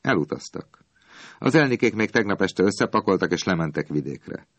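A man's voice: sits low, lively intonation, fairly bright tone, dry recording. A man voicing a glum older legless man who mutters gloomily from a bench in an audiobook. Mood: gloomy.

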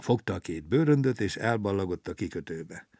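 A man reading a children's story aloud in a lively, expressive way. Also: sits low, no room sound, studio quality.

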